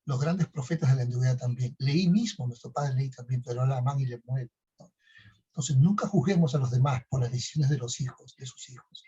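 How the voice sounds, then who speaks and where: A man's voice: mid-range voice, a little fast, dark tone, slightly rough, dull audio. A man co-hosting a podcast, telling stories in a casual talk style and tagging his phrases with questions. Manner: conversational, tags phrases with "¿no?". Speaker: podcast co-host.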